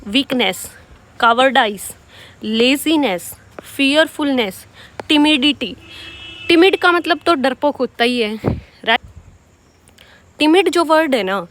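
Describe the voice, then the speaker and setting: A young woman with a high voice gives an exam-prep vocabulary lesson. She explains each word patiently and keeps checking in with her students. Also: a bit bright. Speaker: English vocabulary teacher.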